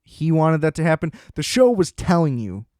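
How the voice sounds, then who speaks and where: Excitable swearing man, dry close mic. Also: a little high, normal speed, no room sound. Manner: excitable, profane, rambling. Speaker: podcast host. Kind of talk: casual solo podcast chat.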